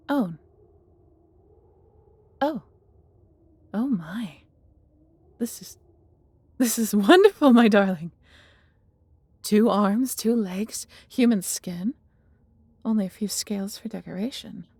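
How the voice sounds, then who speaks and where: A woman voices an affectionate, fiercely protective female dragon in a fantasy audio roleplay, sounding amazed and delighted. Her medium-pitched voice carries a soft, husky breathiness, and her heavily acted, formal storybook phrasing is theatrical and intimate, captured in a dry recording.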